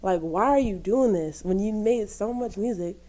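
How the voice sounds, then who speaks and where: A woman's voice: mid-range voice, moderate pace, warm tone, slight background noise. A woman co-hosting a podcast in casual chat, teasing and laughing often. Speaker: podcast co-host.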